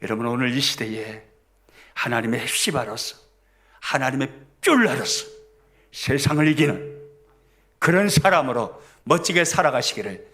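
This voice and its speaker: A man preaching a sermon as pastor, in call-and-response style, swinging between loud emphatic lines and soft low ones. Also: very animated, normal speed, long pauses, slight background noise. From South Korea.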